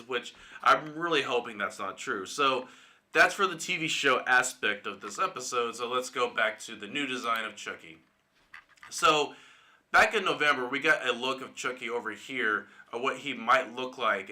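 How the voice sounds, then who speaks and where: A man's voice: mid-range voice, sharp tone. A man giving casual, speculative solo commentary for his channel, opinionated and swearing now and then. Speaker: YouTube movie commentator. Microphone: desktop mic, screen-recorded video.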